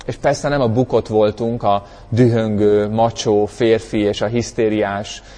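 A man's voice: lowish voice, level tone, mellow, in a large hall. A man teaching from the Bible in a conversational way, reflective, often searching for words, with bursts of dramatic emphasis. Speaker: preacher.

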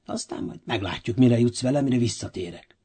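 A man voicing a stern wealthy master in a storybook audio reading, who shouts his orders in a high, sharp voice. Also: lively intonation, husky. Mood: commanding, pleased. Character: stern wealthy master, middle-aged man, quick to anger.

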